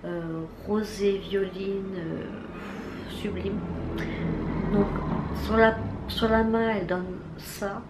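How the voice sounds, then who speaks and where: A woman's voice: medium pitch, fairly even intonation, slow. Woman chatting through a makeup haul. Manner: chatty, hesitant with many fillers and restarts. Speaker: beauty vlogger. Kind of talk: casual makeup haul review. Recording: echoey room with faint background noise.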